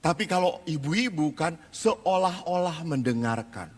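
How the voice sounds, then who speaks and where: Animated preacher man in a reverberant hall. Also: on the high side, unhurried, a little hiss or hum. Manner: animated, acts out children's and mothers' voices. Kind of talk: lively sermon to a live audience. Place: large hall with an audience.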